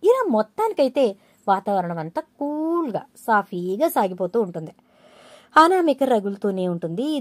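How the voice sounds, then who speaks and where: A woman narrating the story of a television serial in a lively, expressive way. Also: medium pitch, no room sound. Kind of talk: recounting a TV serial episode.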